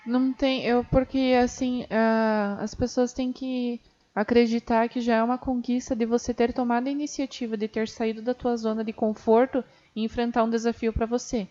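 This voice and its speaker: A woman's voice: fairly high pitch, level tone, moderate pace, dark tone. A woman, a guest on a podcast, talking earnestly and encouragingly in long run-on sentences. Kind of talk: casual chat. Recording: muffled lo-fi audio.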